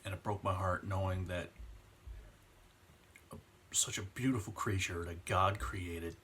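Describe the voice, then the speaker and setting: Man, late twenties, earnest, emotional, fairly deep voice, faint background noise. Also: steady tone, sharp tone. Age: 20s. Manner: earnest, emotional, slows down on heavy points. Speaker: vlogger. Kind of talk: impassioned personal vlog rant.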